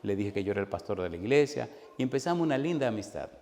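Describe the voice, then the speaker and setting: A man's voice: on the low side, fast. A man pastor preaching a sermon, animatedly acting out the voices in his stories. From Caribbean Spanish-speaking country. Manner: animated storyteller acting out dialogue. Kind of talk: sermon with storytelling. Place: church hall. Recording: long hall reverb, faint noise.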